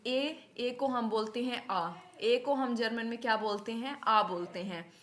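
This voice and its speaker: Patient woman teacher, slightly high voice. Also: measured pace, a bit bright. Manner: patient, asks a question then answers it herself, mixing English into Hindi. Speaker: German language teacher. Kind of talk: classroom-style lesson, repeating each item.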